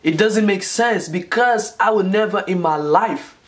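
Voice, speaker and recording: This Nigerian man in his twenties has a high-pitched, slightly bright voice and speaks at a measured pace. As a vlogger seated in a small room at home, he tells a personal story to a closely framed camera in front of him. He repeats phrases for emphasis throughout this casual vlog.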